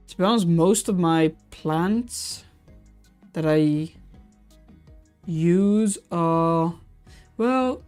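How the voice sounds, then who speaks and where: Answering comments from viewers, a streamer muses aloud over old aquarium footage in a relaxed, restart-filled way. Their medium-pitched voice is clear and resonant, with a slightly mellow tone.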